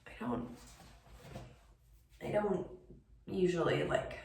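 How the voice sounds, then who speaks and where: A woman's voice: on the low side, expressive, slow, vocal fry, darkish tone. A woman vlogging on her phone at home, chatting casually in a rambling, self-deprecating way. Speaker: vlogger and photographer. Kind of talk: casual vlog chat. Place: at home, indoors. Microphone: phone held by the speaker. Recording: roomy, distant phone audio with faint noise.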